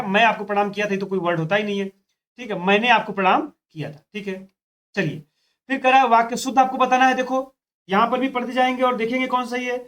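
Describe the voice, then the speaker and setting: A male teacher whose voice sits high and a bit bright goes through practice exam questions step by step. Repeating phrases, he talks directly to his students, often saying "dekho" and "thik hai."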